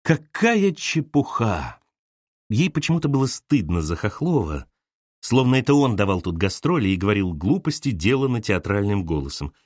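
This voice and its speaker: A man narrating an audiobook in an expressive, animated way. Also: on the low side, fairly quick, dry recording, clean studio sound.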